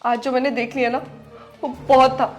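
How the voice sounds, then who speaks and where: High-voiced woman as a wounded young wife, reproachful, faint music behind. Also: little pitch movement, normal speed, close to an everyday voice. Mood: sorrowful. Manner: hurt, reproachful, emotional. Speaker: wife in a family skit. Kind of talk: scripted family drama skit.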